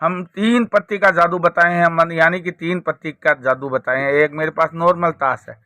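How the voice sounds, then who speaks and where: High, bright-voiced man teaching a card trick. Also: fairly even intonation, moderate pace, no room sound. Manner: repetitive step-by-step explaining with rhetorical questions. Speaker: magic trick teacher and presenter. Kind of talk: spoken card trick tutorial.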